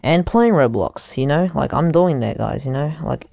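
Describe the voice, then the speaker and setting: A young man giving casual gameplay commentary into headphones used as a mic, haltingly thinking aloud as he goes. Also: on the high side, animated, creaky, darkish tone. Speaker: gaming YouTuber.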